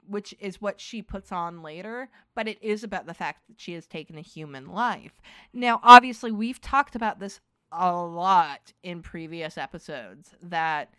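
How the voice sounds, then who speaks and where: A woman's voice: fairly low pitch, unhurried, bright, forceful tone, clean tone, no echo. Chatty woman in a dry room. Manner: chatty, laughs often, swears casually. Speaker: podcast co-host. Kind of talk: casual TV rewatch chat.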